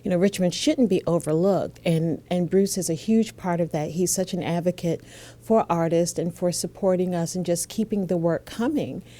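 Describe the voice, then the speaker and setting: Actress talking in an interview, mellow lowish voice, sounds really into it. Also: female voice, moderate pace. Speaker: stage actor. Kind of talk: documentary interview.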